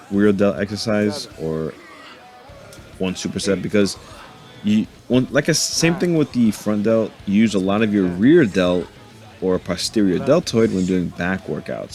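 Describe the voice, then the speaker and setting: A man's voice: sits low, darkish tone. A man giving a casual, joking voice-over commentary on his own workout footage. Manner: laid-back, joking, laughs to himself. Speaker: fitness vlogger narrating his workout. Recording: voice-over with faint background music.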